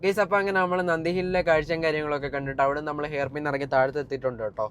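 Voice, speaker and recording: This driving vlogger is a young Malayali man with a somewhat high, slightly bright voice that stays steady while he races through his words. His talk is loose and informal, sprinkled with English and slang, and he keeps turning to speak directly to his viewers.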